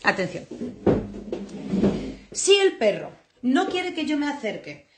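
A fairly high-voiced woman leads a dog training class. She talks in an animated, blunt way, swears freely and acts out the scenes she describes. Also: slow, very noisy. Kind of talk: lively spoken lesson.

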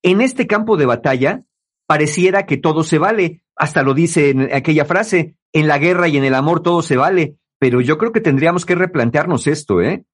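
Guy talking relationships to his listeners, kinda high voice, lively. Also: moderate pace. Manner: lively, acts out quoted people in mocking voices. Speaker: host giving relationship advice. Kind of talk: explanatory talk to listeners.

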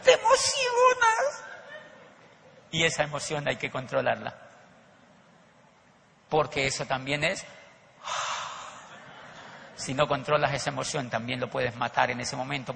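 Man, lively storyteller at a seminar, gravelly voice, recorded in an echoey hall. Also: mid-range voice, a little hiss or hum. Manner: animated storytelling, acting out voices. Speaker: network marketing speaker. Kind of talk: motivational seminar talk.

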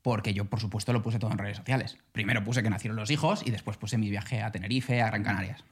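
A man from co-hosting a podcast in casual chat, telling stories with lively voiced asides. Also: lowish voice, fast, slight background noise. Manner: animated storytelling, voices other people in quotes. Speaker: podcast co-host.

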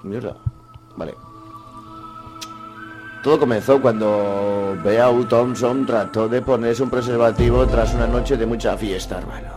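A man's voice: medium pitch, steady tone, a little slow, long pauses, over music. A man hosting a radio comedy show, reading odd news with crude jokes and constant swearing. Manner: crude, joking banter with heavy swearing.

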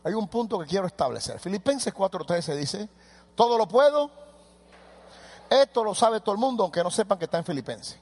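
Man, pastor, sermon, loud rises, quick asides, long hall reverb. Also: high-pitched, lively intonation, breathy edge.

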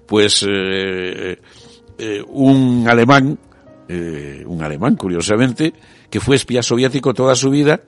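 A man hosting a radio talk show, speaking in a relaxed, conversational way with frequent hesitations. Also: mid-range voice, no echo.

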